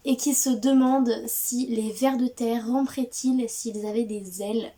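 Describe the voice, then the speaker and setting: A woman's voice: on the high side, fairly even intonation, measured pace, dark tone. A woman hosting a casual book haul, cheerful and gushing, with frequent hesitations and restarts. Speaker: book video host.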